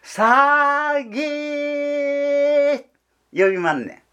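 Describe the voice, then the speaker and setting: A man's voice: a little high, sing-song, a little fast, a bit bright, lo-fi sound. A man voicing a carefree, foolish young idler who rambles cheerfully in a Kansai accent, in rakugo storytelling. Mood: eager rambling. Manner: rambling, cheerful, full of fillers.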